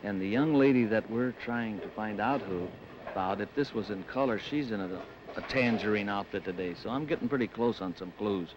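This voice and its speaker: Low-voiced man, halting color commentary. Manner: halting, rambling, many fillers and restarts. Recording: dull hissy old broadcast audio.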